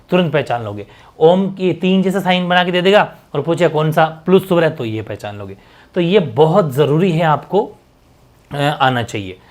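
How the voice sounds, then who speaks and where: A man teaching an exam-prep lesson, drawing out sounds slowly to show them and repeating each term several times. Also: a little high. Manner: stretches sounds slowly to demonstrate, repeats terms.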